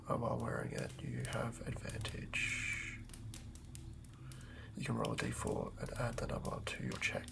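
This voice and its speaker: Whispering near the microphone, an ASMR host with a gravelly, mid-range voice thinks aloud in bits and pieces, building a villain on the fly for a tabletop game. There's noise in the background.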